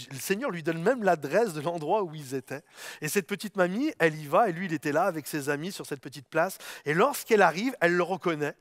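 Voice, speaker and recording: A man's voice: fairly high pitch, fairly bright tone, no room sound, clean studio sound. A man preaching a sermon, telling stories with fervor and speaking directly to his listeners. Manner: storytelling, fervent, addresses listeners directly. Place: streamed service, speaking to viewers.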